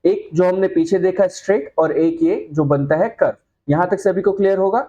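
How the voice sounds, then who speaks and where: In a muffled recording, a man with a high, warm voice and fairly even intonation explains a shorthand lesson at the whiteboard. He's patient, repeatedly asking whether students follow and slowly spelling out example sounds.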